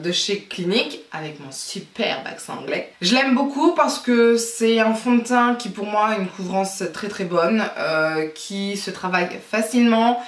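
A woman's voice: on the high side, distant mic. Chatty woman in her thirties, roomy sound. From France. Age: 30s. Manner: chatty, rambling, self-mocking, with small laughs. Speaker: beauty vlogger. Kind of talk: casual talk to camera. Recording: roomy echo, a bit off the mic.

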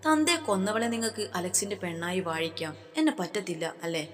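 A woman's voice: medium pitch, fairly quick, big-room sound, lightly acted. A woman voicing a young nurse who pushes hard and makes threats, in a storybook reading. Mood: insistent. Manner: insistent, pushy, threatening.

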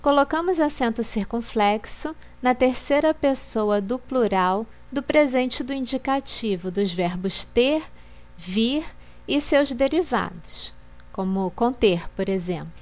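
A woman reading a scripted Portuguese lesson on accent marks in a slow, measured, list-like way. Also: a little high, animated. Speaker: Portuguese teacher.

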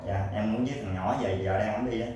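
A man from Cần Thơ with a Southern Vietnamese accent, answering in short, deferential, halting replies. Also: fairly low pitch, steady tone, warm tone. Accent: Southern Vietnamese (Mekong Delta). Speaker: husband seeking his missing wife. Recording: distant mic in echoey room, faint noise.

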